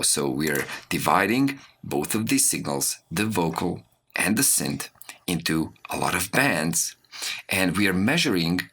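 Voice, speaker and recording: A man who teaches an audio production course walks through audio software step by step in a low, creaky voice. His pitch shifts around lively as he explains, while keyboard typing, mouse clicks and slight background noise sit behind him.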